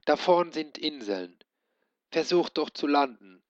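A man's voice: fairly high pitch, lively intonation, unhurried, no room sound, pitched above the performer's own voice. A man voicing a young orphan boy who speaks urgently. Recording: dull lo-fi recording.

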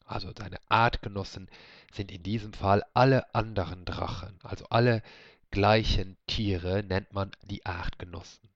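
A man teaching, reading a book aloud slowly and explaining for learners. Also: on the low side, steady tone, no echo. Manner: slow, explaining. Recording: dull, dry lo-fi recording.

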